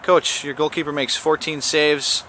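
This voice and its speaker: Brief: male sideline interviewer, bright tense tone, stumbling over his questions, faint traffic outside. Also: on the high side, level tone. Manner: halting, with many "uh" restarts. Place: outdoors.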